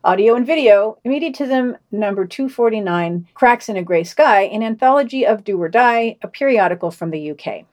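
A woman's voice: mid-range voice, lively intonation, moderate pace, hardly any pauses, a little mellow. Wry woman reading a podcast news roundup. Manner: wry, offhand jokes after reading items. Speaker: podcast co-host.

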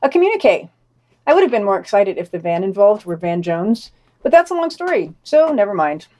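A woman's voice: mid-range voice, very animated, a little fast, mellow. Wry woman reading a podcast news roundup. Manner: wry, offhand jokes after reading items. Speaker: podcast co-host.

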